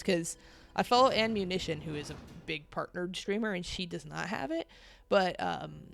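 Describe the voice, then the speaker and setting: A young gamer with a cold chats casually and laughs often while streaming, wandering from topic to topic with viewers. She speaks in a lowish voice marked by vocal fry.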